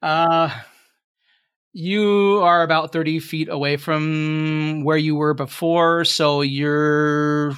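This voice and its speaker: A young man running a tabletop game as game master, narrating slowly and dramatically with playful asides. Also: a little high, flat delivery, a bit bright, clear, resonant tone.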